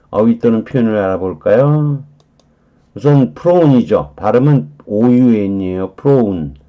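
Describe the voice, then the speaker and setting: Slow, mellow-voiced man teaching vocabulary. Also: mid-range voice, lo-fi sound. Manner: slow explaining with many drawn-out fillers; reads English phrases slowly and deliberately. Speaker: English teacher. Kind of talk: English vocabulary lecture.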